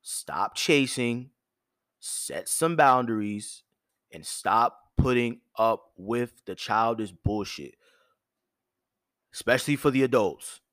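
A man's voice: mid-range voice, expressive, slow, no room sound, studio quality. Blunt, profane man lecturing firmly. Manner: firm yet soft tone. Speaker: host. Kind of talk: direct advice monologue.

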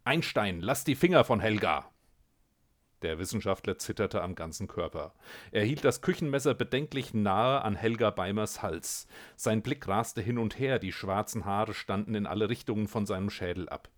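A male storyteller with a fairly low voice reads his own short story aloud. His delivery is wry and relaxed, with an easygoing narrating manner. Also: normal speed.

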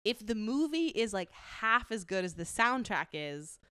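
Woman chatting about movies, very clear voice, dry close sound, lots of likes and ums. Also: medium pitch, sing-song, a little slow, fairly bright tone, no echo. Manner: chatty, many fillers and restarts. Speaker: podcast co-host. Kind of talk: casual movie chat.

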